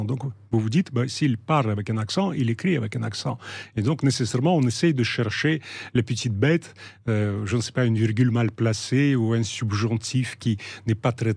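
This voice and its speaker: A man's voice: medium pitch, darkish tone, slightly rough, no room sound. Russian-accented man, middle-aged, hesitant and reflective, close dry mic. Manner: measured, hesitant, many fillers and restarts. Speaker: guest, novelist. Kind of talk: reflective interview talk.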